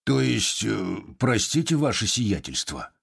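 A man reading an audiobook voices a poor old organ-grinder who talks humbly and haltingly but with dignity, in a husky voice. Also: fairly low pitch, big pitch swings, a bit bright, exaggerated voice. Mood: humble.

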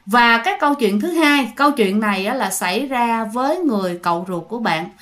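A woman's voice: on the high side, lively intonation, fairly quick, fairly bright tone. A woman with a Southern Vietnamese accent telling a ghost story in a casual, chatty way, often addressing her listeners directly.

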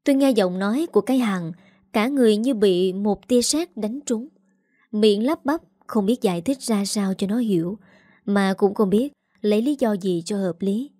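A woman reading a first-person family story aloud in a sorrowful, measured way. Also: medium pitch, mellow, dry recording, clean studio sound. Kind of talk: scripted first-person narration.

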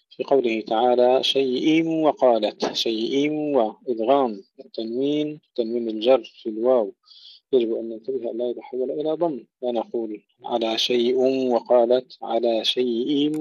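A man's voice: mid-range voice, dark tone, no room sound, dull audio. A man teaching Quran recitation rules, explaining precisely and repeating words to show correct pronunciation. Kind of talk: tajweed lesson explanation.

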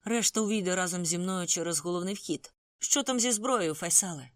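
A reader voicing a calm gang leader who gives firm, measured orders in an audiobook. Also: mid-range voice, dry recording, studio quality, close to an everyday voice. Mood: commanding.

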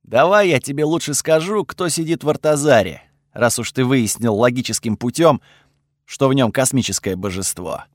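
A man voicing a snarky, sharp-tongued male god spirit in an audiobook, curt and sarcastic, with a lively swinging pitch and a dry close sound. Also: moderate pace, dry recording, close to an everyday voice. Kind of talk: audiobook character voice.

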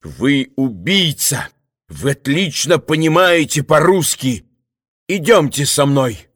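A man voicing an agitated young male poet who shouts urgent demands and accusations. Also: a little high, big pitch swings, slow pace, dry recording, clean studio sound, heavily acted. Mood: accusing.

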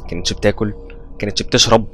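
Casting: Egyptian male storyteller, tense horror narration, brisk pace, low register. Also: steady tone. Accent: Egyptian Arabic. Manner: tense first-person storytelling. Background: faint background music.

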